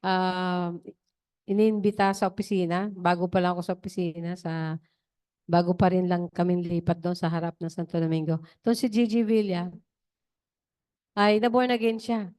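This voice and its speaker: Smooth-voiced woman preacher. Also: on the low side, fairly even intonation, normal speed, long pauses, dark tone. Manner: digressive, chatty storytelling. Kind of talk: testimony during an online worship service.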